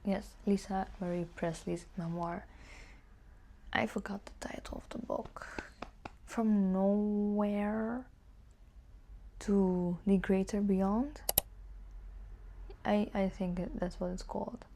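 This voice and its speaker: A woman book vlogger chats casually to camera, answering tag questions and musing aloud with some hesitation. Her medium-pitched voice is steady and mellow, and she speaks slowly with long pauses. A little hiss or hum sits in the recording.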